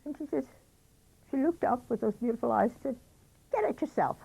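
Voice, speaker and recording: A woman's voice: a little high, fairly quick, gravelly, mellow, slightly rough, low-quality recording. A woman fondly reminiscing in a documentary interview. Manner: fond reminiscing.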